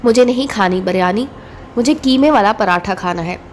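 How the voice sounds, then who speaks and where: A woman's voice: mid-range voice, normal speed, slight background noise, lightly acted. A woman voicing a loving, cheeky young wife in a read-aloud story. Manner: warm, teasing.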